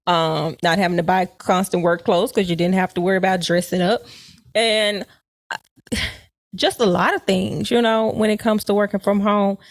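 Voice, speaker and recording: A woman's voice: mid-range voice, steady tone, moderate pace, no echo. Woman, podcast co-host, casual chat, filler-heavy, dry close sound. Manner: talkative, frequent fillers and laughter.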